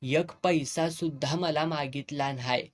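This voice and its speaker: A narrator speaks as a respectful young man, earnest and polite, with a lilt. His voice stays mid-pitched and plain. It is told like a storybook. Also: fairly even intonation, unhurried, close to an everyday voice.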